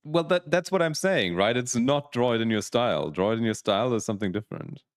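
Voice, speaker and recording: A man's voice: medium pitch, lively intonation, fast talker, no room sound, clean studio sound. A man in his twenties chatting casually on a livestream, rambling with restarts while explaining game rules. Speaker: streamer, PhD student.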